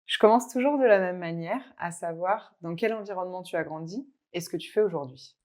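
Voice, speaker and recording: A woman's voice: lowish voice, fairly quick, a little mellow. A woman hosting an interview, asking short, friendly prompting questions. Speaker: podcast host, interviewer.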